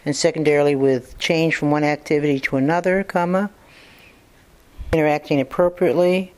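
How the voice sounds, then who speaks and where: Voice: medium pitch, a little fast. Clinician dictating punctuation aloud. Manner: speaks punctuation aloud and spells out names; steady, matter-of-fact with fillers.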